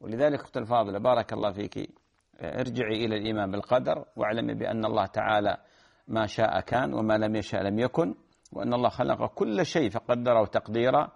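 Gravelly fast-talking scholar. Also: male voice, fairly low pitch, highs cut off. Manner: earnest, explanatory, repeats phrases and restarts words. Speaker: religious scholar answering listeners' questions. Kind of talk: religious advice program.

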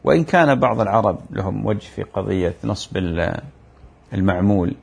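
A man giving a religious lesson, explaining mistakes in the call to prayer and chanting examples of them, in a drawn-out, repetitive teaching manner. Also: on the low side, lively intonation, creaky, slightly rough. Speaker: Islamic teacher. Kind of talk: religious lecture.

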